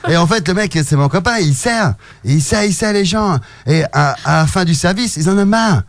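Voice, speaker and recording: A man's voice: high voice, animated, moderate pace, slight background noise. A man on a comedy podcast, telling a joke as a rambling, playful storyteller.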